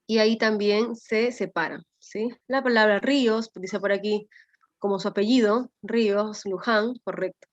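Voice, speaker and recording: A woman's voice: mid-range voice, measured pace. Peruvian woman teaching a class online. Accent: Peruvian Spanish. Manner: explanatory, often adds "¿no?" as a check. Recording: slightly dull lo-fi audio.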